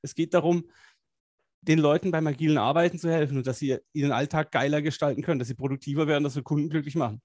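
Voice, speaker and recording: A man with a slightly raised pitch talks in an energetic, colloquial way, full of fillers and quick asides. He co-hosts a casual live stream about agile coaching. His voice is recorded dry and close. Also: no echo.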